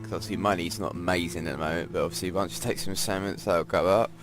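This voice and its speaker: A man's voice: sits low, steady tone, quick pace. A man with a congested, stuffy voice, casually commenting on a strategy game while thinking his moves aloud. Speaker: gameplay commentator. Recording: game music playing behind.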